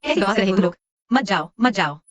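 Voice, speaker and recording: A woman's voice: medium pitch, lively intonation, fast, no echo, lightly acted. A voice actress dubbing a frightened young woman who pleads desperately to be let go, in a drama dub. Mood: panicked. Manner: pleading, panicked.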